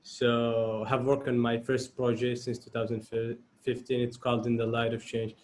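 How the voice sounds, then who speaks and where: A man in his twenties from Mauritania introducing himself on a video call, speaking slowly and carefully. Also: mid-range voice, flat delivery, a little hiss or hum. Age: 20s. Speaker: photographer speaker. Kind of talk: self-introduction.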